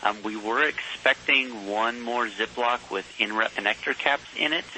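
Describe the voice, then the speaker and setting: Faint hiss runs under a man's very bright, forceful radio voice. He is a mission control communicator talking to a space crew. His delivery is procedural yet informal and conversational. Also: mid-range voice, moderate pace, low-quality recording. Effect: space radio transmission. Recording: hissy space-to-ground radio link.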